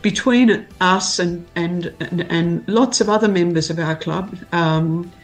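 Unhurried, low-voiced Australian woman being interviewed. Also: faint music behind, rough recording. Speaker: interview guest, environmental volunteer. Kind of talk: conversational interview answers.

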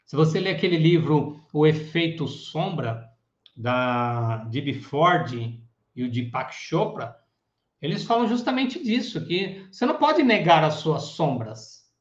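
A man, a psychoanalysis teacher giving a casual teaching talk, animated and acting out the voices of clients and therapists. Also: on the high side, unhurried. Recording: echoey room, dull lo-fi sound.

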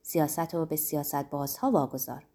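A woman's voice: deep voice, steady tone, mellow, pitched below the performer's own voice. A woman voicing a carefree young immigrant woman who teases and argues in a breezy way in a story. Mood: teasing, breezy. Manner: teasing, breezy, argumentative.

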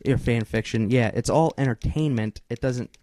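Man, podcast co-host, mid-pitched, hesitant, thinks aloud, casual. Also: moderate pace, dark tone. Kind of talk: casual chat.

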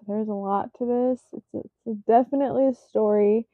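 Drowsy and yawning, a woman in her 20s rambles self-consciously through her casual solo podcast, speaking slowly with many fillers. Her steady voice sits on the high side, and the phone-like, tinny recording has no room sound.

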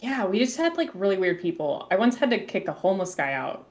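A woman guesting on a podcast, chatting in a relaxed way and pausing often to search for words. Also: mid-range voice. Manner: relaxed, halting with fillers. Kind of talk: casual chat.

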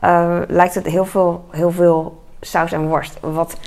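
A woman's voice: on the low side, level tone, slow, creaky, a little mellow. A woman chatting casually while cooking in her home kitchen, rambling and self-mocking with lots of fillers. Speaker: home cook vlogger. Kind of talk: casual cooking vlog chat. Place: home kitchen with sizzling pan. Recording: noisy home kitchen recording. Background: frying and sizzling sounds.

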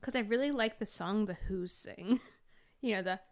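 Young woman, chatty co-host, casual podcast talk, laughs a lot, mid pitch. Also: moderate pace.

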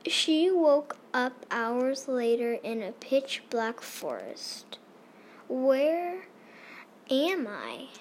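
Woman reader as a high, prim alien storyteller, very slow, halting fan read. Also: a little mellow, a little hiss or hum, heavily acted. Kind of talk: fan comic reading.

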